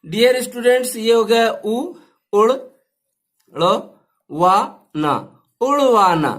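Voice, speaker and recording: A man teaches a language lesson at a slow, careful pace. He stretches out each sound and repeats every word so his students can follow. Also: high voice, fairly bright tone.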